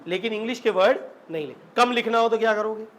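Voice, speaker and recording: A man with a high voice talks fast as he teaches a class about English spelling. He puts questions to the students and repeats them, slipping into the local Rajasthani dialect.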